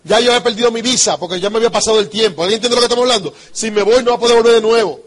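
A man with a Dominican Spanish accent and a high-pitched voice delivers a motivational talk on business. He talks emphatically, says key phrases over and over, and keeps checking with his listeners through rhetorical questions. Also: very fast. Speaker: business trainer.

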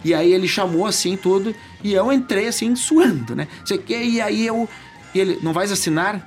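A man with a Gaúcho Portuguese accent, a radio journalist telling stories in a casual interview, animated and acting out dialogue. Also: high-pitched, moderate pace, soft background music. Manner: animated, acts out quoted dialogue.

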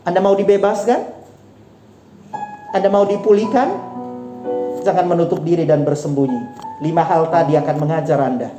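A woman's voice: lowish voice, moderate pace, pauses often. A woman pastor preaching a sermon, exhorting her listeners, repeating phrases and often saying "Amin". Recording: roomy hall sound with faint instrument music.

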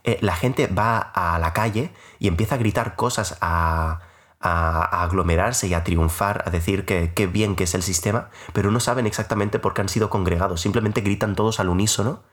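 A man's voice: deep voice, normal speed, a bit bright. A young man in his twenties hosting a podcast, telling a personal story in a casual, rambling, self-mocking way with many filler sounds.

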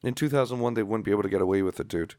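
A man's voice: fairly low pitch, rapid-fire, darkish tone, no echo, studio quality. A man co-hosting a horror movie podcast, chatting casually, playful and sarcastic. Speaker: podcast co-host. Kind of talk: casual chat.

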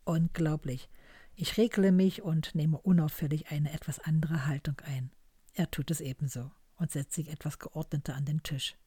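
Low, warm-voiced woman reading a story. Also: slightly rough, no room sound. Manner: calm, measured storytelling. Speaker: narrator. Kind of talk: first-person story reading.

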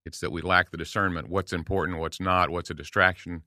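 Fairly quick and steady in tone, this low-pitched guest is a man in his late sixties chatting on a podcast. Earnest and warmly encouraging, he spins stories and voices quoted lines. The recording is clean studio audio without any room sound.

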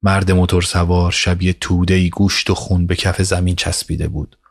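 A man narrating an audio story in a measured, even way. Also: sits low, gravelly, dry recording, studio quality. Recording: narration over music score. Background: music score.

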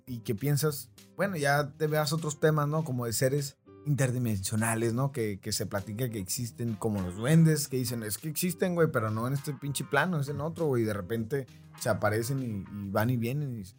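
A man with a Mexican accent hosting a podcast, telling a story in a rambling way and often checking in with his listeners. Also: mid-range voice. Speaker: podcast host. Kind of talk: casual storytelling.

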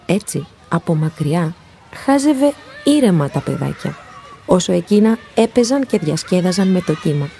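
A woman reading a children's story aloud in a gentle, expressive storytelling voice. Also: fairly low pitch, creaky, a faint crowd, slight background noise. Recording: long hall reverb.

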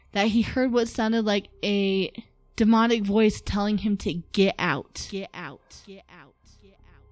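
A woman's voice: medium pitch, no room sound. A woman hosting a casual podcast, telling a story from notes in a chatty way, with some fillers. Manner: narrates from notes, chatty with laughs. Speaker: podcast host.

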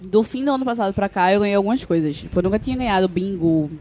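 A woman's voice: mid-range voice, rapid-fire, dark tone, faint music behind. A woman co-hosting a podcast, chatting through anecdotes and acting out bits of dialogue. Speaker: podcast co-host. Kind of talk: casual podcast chat.

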